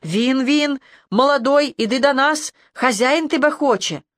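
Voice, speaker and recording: A woman's voice: sits high, a little slow, no room sound, studio quality, pitched above the performer's own voice. Screeching little night creatures, voiced by a woman. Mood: screeching eager. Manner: grating screech, repeats words.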